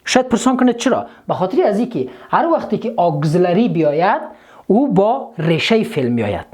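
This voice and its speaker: A woman teaching English grammar, explaining slowly and repeating each rule in two languages. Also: medium pitch, very animated, a little mellow. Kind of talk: grammar lesson mixing English and Dari.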